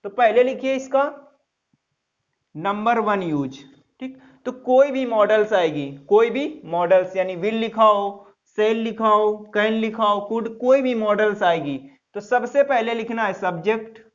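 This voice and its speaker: A man's voice: high voice, lo-fi sound. A male English teacher giving a classroom lecture, repeating words and quizzing his students with questions. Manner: recites a couplet slowly.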